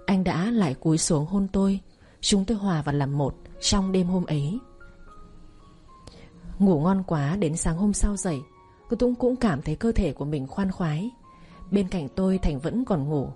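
A woman narrating a first-person story in a soft, slow, wistful way. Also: on the low side. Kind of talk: scripted narration. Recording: faint music behind.

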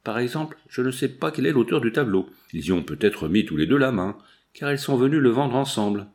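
A man reading the part of a pushy woman furniture dealer, full of brisk sales patter. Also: medium pitch, animated, darkish tone, natural voice.

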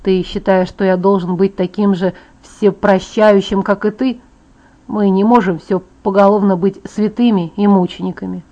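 A woman voicing a teenage werewolf boy in an audiobook, explaining things in a calm, wry tone. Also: mid-range voice, moderate pace, natural voice. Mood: sardonic. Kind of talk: audiobook character voice. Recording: dull lo-fi audiobook file.

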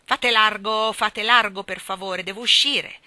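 A woman voicing a stern, domineering old spinster who scolds in a booming voice. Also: sing-song, moderate pace, sharp tone, dry recording, full character voice. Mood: scolding.

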